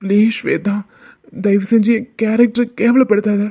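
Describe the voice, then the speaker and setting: A man's voice: sits high, steady tone, normal speed, gravelly, muffled recording. A man voicing a stern young village man in a cartoon, harsh and scolding. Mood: pleading. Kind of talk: cartoon dubbing.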